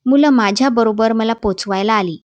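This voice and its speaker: A woman narrating a textbook story in a clear, measured storybook reading. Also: a little high, darkish tone, no room sound. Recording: dull dry voice-over.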